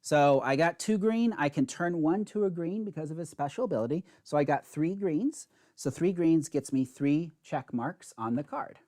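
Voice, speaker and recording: A man's voice: a little high, lively intonation, normal speed, darkish tone. A man hosting a solo board game playthrough, explaining each rule step by step while he plays, with chatty, self-mocking asides.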